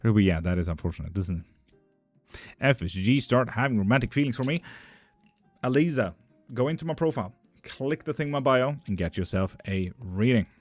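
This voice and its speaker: A young man streams tarot readings and banters with his chat, reading out viewer messages in a loose, joking style full of swearing; he's a tarot reader and witchcraft streamer. His medium-pitched voice is expressive and moves at a normal speed. There's no room sound, just faint music in the background.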